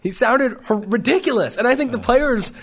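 A man co-hosting a sports podcast, talking in a casual, animated way, swearing and laughing at the absurd. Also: very high voice, moderate pace, slightly rough. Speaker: podcast co-host.

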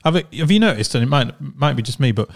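Man, quick talker, mid-pitched, leads the chat on a football podcast. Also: animated, creaky. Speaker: podcast co-host.

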